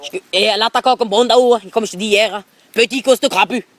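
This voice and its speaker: A man pranking someone by phone takes on the role of a pushy, rambling, middle-aged football coach with an Alsatian accent, leaning on repeated filler tags. His voice sits high with a fairly bright tone and a slightly fast pace, picked up by a phone held near his mouth.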